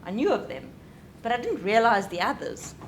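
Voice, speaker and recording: A young adult woman giving a talk on parenting. She speaks in a lively, conversational way and often checks in with the audience. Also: fairly high pitch, normal speed, slight background noise. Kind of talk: lecture.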